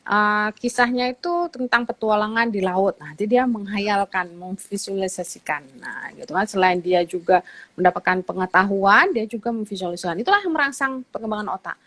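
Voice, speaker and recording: A woman's voice: mid-range voice, fairly quick, fairly bright tone. A woman doctor, a guest on an online talk show, explaining patiently in a conversational way with frequent fillers.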